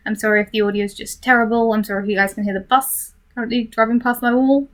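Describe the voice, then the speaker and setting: A woman with a fairly high voice talks to her webcam from a corner of her bedroom. She rambles candidly and casually, hesitating as she thinks aloud. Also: fairly even intonation, fast talker. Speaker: vlogger. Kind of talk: casual, rambling first-take video chat. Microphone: webcam microphone. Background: computer fan noise.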